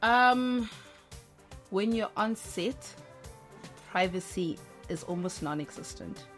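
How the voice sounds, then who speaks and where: An actress from South Africa as a guest, quick-witted and laughing in a casual chat. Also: female voice, mid-range voice, animated, faint music behind.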